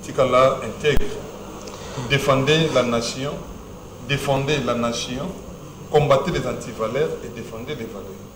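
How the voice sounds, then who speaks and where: A man's voice: medium pitch, fairly even intonation, unhurried, noisy background. Emphatic Congolese man hosting in an echoey studio. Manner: emphatic and rhetorical. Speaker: talk show host. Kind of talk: studio talk show, mixing French and Lingala. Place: TV studio set.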